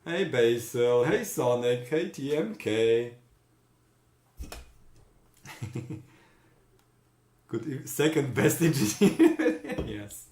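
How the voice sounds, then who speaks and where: Casual stream host: Central European man, unhurried and halting, recorded in a roomy space. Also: mid-range voice, very animated, darkish tone. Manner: greets chat viewers by name, halting with fillers. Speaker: livestream host. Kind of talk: casual live-stream chat.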